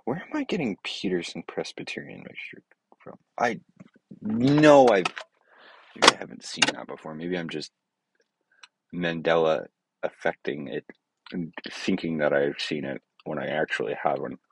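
A man's voice: very deep voice, normal speed, vocal fry, slightly rough. A man hosting his own podcast, talking in a meandering, hesitant way with many fillers and self-corrections. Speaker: podcast host. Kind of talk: rambling casual monologue.

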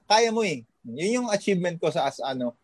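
Man from the Philippines, trainer guest, high voice, dry close sound, pep-talk delivery peppered with fillers. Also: big pitch swings, a little fast, slightly rough, no room sound. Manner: motivational, full of fillers and tag questions. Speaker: guest, fitness trainer working abroad. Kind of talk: casual podcast chat.

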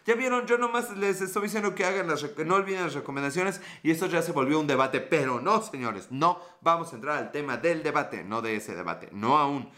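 On his live stream, a man with a Mexican accent and a sharp, somewhat high voice says hello to viewers and responds to their comments, chatting casually in slang laced with swearing.

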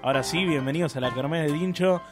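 A man's voice: fairly high pitch, fast, music in the background. A man with a Rioplatense Spanish accent hosting a radio show, running a guessing game in casual banter and swearing when he gets stuck.

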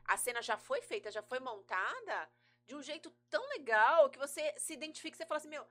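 A woman chatting casually on a podcast, telling things in an animated way and quoting her own reactions. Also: high voice, brisk, faint music behind. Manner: animated, quotes herself.

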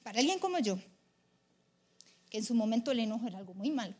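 A young woman preaching a sermon in an animated, confessional way. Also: a little high, fast talker, breathy edge. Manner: animated and confessional, shifting between loud and hushed.

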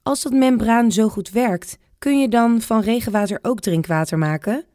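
Woman putting on a jolly old grandpa, excitable, storybook reading, dry close sound. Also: on the high side, normal speed, no room sound, pitched above the performer's own voice, close to an everyday voice. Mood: excited. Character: cheerful joking old grandfather, inventor.

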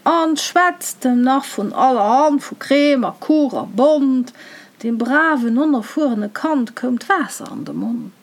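A woman reciting a rhyming dialect tale in a measured, rhythmic way. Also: high voice, animated. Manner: measured, rhythmic verse delivery. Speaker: storyteller.

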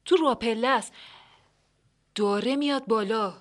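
A woman's voice: fairly high pitch, lively intonation, bright, forceful tone. A woman narrating and hosting a comic radio drama, chatty and a little flustered, often apologizing to the other characters. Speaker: narrator and host.

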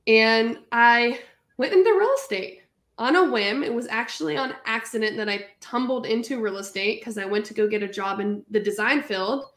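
A woman in her thirties from California tells her story as a podcast guest, lively and chatty. Her voice sits a little high, and the recording has a noticeable echo from the room. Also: normal speed. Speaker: guest entrepreneur. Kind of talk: casual interview storytelling.

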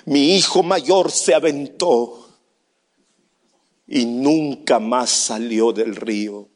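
A man preaching a sermon as a pastor, telling a story in a hushed voice and then shouting his appeals to the church. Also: mid-range voice, very slow.

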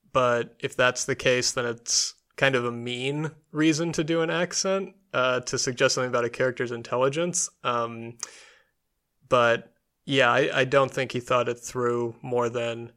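A man's voice: medium pitch, fairly bright tone. A man co-hosting a podcast, talking casually about a film and laughing often. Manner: chatty, laughs often, filler-heavy. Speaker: podcast co-host.

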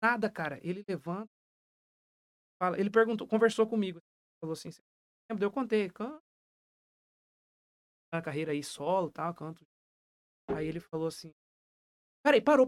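A man telling a story in casual slang, animated and excitable, acting out what others said. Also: high-pitched, no echo, clean studio sound. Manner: animated, quick and excitable, acts out quotes.

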